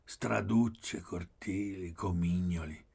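A man voicing a languid, soft-spoken rich young man who mocks gently, in a hushed, slow half-whisper. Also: sits low, vocal fry, husky, exaggerated voice. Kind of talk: audiobook character voice.

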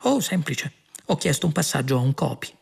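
A man's voice: a little high, sing-song, brisk, vocal fry, slightly rough, exaggerated voice. A man voicing Ford, a cheerful, smug alien who talks in a breezy, teasing way in an audiobook. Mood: amused. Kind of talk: audiobook character voice.

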